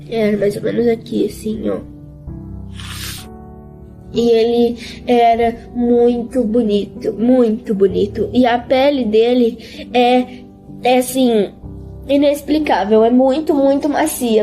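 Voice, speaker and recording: A high-voiced woman tells of a religious experience in a halting, repetitive way, her voice often close to tears. Her tone is dark and mellow despite the high pitch, and faint music plays behind her. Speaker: interviewee giving a religious testimony. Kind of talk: emotional spoken testimony.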